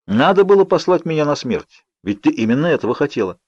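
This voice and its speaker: Storybook role: man reading a wounded, gently teasing young man, low and subdued, lo-fi. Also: very animated, fast talker, slightly rough, no echo. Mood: reproachful. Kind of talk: audiobook reading. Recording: dull lo-fi audio.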